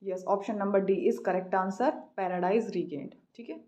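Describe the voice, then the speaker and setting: An Indian woman tutoring an English exam, reading questions slowly and then explaining quickly. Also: medium pitch, fairly even intonation, mellow. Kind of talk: exam practice lesson, Hindi-English mix.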